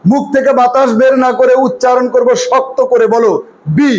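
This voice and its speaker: A man from Bangladesh teaching English pronunciation, drilling a class with loud call-and-repeat. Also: very high voice, flat delivery, brisk, poor audio. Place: classroom with students. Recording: loud crowd and noise in a classroom.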